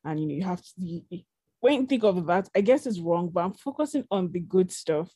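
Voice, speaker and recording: Chatty young woman, warm dry voice. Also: fairly low pitch, lively intonation, a little fast, husky, no echo. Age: young adult. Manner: chatty, rambling, many fillers. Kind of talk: casual chat.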